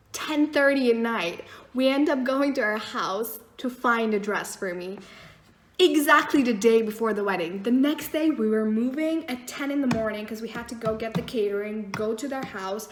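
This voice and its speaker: A young woman casually telling a story as a vlogger, animated and blunt, swearing freely. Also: high voice. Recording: echoey room.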